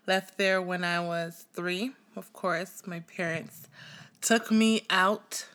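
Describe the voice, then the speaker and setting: A woman's voice: on the low side, steady tone, slow, a bit bright. A woman from Tanzania co-hosting a podcast with her husband, chatting playfully and echoing his words. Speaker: podcast co-host. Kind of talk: casual chat.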